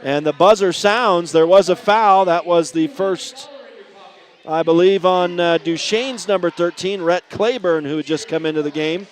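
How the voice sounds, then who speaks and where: A man calling a high school basketball game play-by-play, chatty and often correcting himself on air. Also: unhurried. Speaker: play-by-play announcer.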